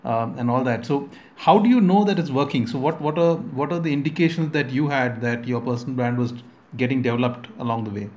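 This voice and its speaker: A male host asks follow-up questions and keeps the talk moving with brief affirmations. His voice sits at a middle pitch. The sound is somewhat dull and lo-fi. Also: fairly quick, a little mellow. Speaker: host interviewer. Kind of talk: interview questions.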